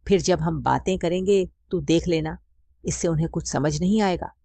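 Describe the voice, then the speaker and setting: A woman voicing an affectionate, teasing middle-aged mother in a storybook reading, speaking in a soft, coaxing way. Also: on the low side, moderate pace, vocal fry, dry recording. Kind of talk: scripted story narration.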